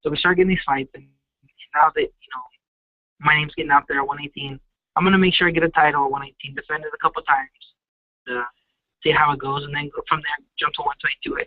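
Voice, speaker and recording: A man's voice: on the high side, flat delivery, fast talker, dry recording. A man in his twenties, a boxer giving a casual phone interview, speaking earnestly and confidently in short bursts. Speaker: professional boxer being interviewed. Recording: muffled phone line.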